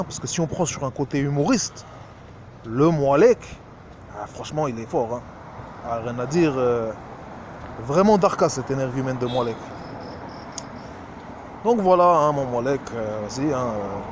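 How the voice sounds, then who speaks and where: A man's voice: a little high, a little mellow, slight background noise. A man talking straight to a rival in a scornful, mocking rant, hesitating often with fillers. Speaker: YouTuber answering a rival. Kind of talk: direct-address rant video.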